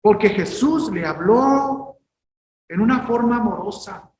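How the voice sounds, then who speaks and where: A male pastor delivers a sermon in slow, deliberate phrases, pressing his points with emphasis and now and then rising to a shout. His voice echoes around a roomy space. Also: high voice, lively intonation. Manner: emphatic, rises to shouted exhortations.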